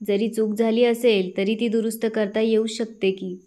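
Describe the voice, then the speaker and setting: A woman's voice: a little high, little pitch movement, moderate pace, dark tone, close to an everyday voice. A woman reading the lines of a young wife who earnestly defends her husband. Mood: defensive.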